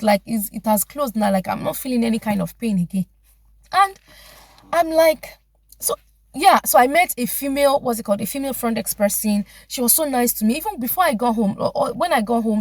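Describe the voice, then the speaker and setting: A woman with a Nigerian accent telling a story-time vlog, animated and emphatic, with exclamations and many restarts. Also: a little high, dry recording. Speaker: vlogger.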